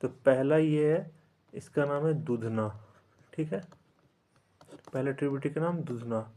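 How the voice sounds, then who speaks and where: A man teaching an exam-prep geography lesson, speaking slowly and repeating terms so they can be memorized, mixing in English words and often saying "theek hai". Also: medium pitch, dark tone. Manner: repetitive drilling, frequent "theek hai" fillers; slow, deliberate recitation for memorizing.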